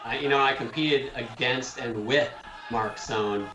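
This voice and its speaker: A man's voice: mid-range voice, measured pace, pushed and bright, soft background music. Man, middle-aged, gymnastics commentator, joking banter, echoey room. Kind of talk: live sports commentary.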